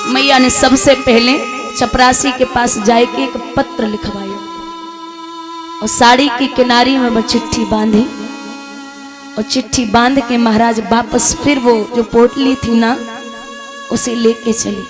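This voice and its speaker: High-voiced woman telling a devotional tale. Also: flat delivery, unhurried. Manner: emotional, addresses listeners directly. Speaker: devotional storyteller. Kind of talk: dramatic devotional storytelling with moral preaching. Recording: music playing behind.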